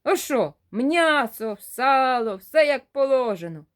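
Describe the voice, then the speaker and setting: A woman's voice: sits high, sing-song, slow, voice pushed up, full character voice. A woman voicing a brash young village man who swears and talks in coarse, slangy dialect.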